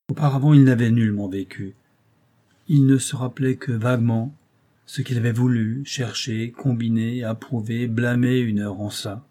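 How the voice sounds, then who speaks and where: A male narrator reads a literary romance in a measured, lyrical storytelling manner. His voice is dark and mellow, with a husky edge. The delivery is steady and unhurried. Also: mid-range voice. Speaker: audiobook narrator.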